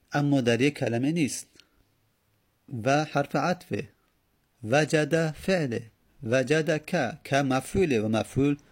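A man teaching a grammar lesson, explaining slowly and repeating word forms as he spells them out. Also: medium pitch. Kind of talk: Arabic grammar lesson in Persian.

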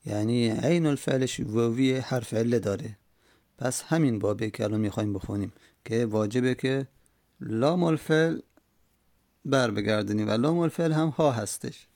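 A man explaining an Arabic grammar text in a slow, repetitive way, with many hesitations. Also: mid-range voice, a little mellow, no echo, studio quality.

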